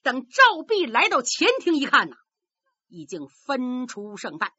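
High, lively woman storyteller. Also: a little slow, husky, no room sound, dull audio. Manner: vivid, with sound-effect words. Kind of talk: traditional oral storytelling.

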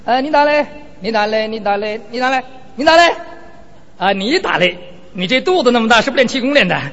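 A brash, teasing ring master from a storyteller's tale, put on by a man, his very high voice leaping about as he goads the crowd. The sound is dull and lo-fi, with a long hall reverb trailing behind. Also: lively intonation, fast talker, a bit bright. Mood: taunting. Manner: teasing, mocking, repetitive challenges. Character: brash male martial arts ring master, taunting crowd.

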